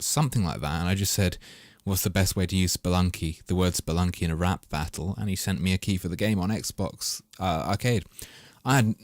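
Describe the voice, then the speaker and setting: A man's voice: sits low, no room sound, clean studio sound. A man chatting casually and wryly over his gameplay footage, rambling and swearing as he goes. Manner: rambling, wry and profane. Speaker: gaming commentator.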